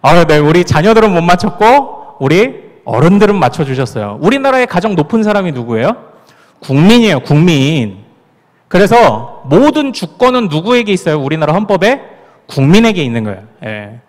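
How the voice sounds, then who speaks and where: Male pastor with Gyeongsang accent, family sermon, playful, lively up-and-down delivery, echoing hall. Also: high voice, moderate pace. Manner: playful, acts out dialect lines and laughs. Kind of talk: family prayer-meeting sermon. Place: church sanctuary. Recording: long hall reverb.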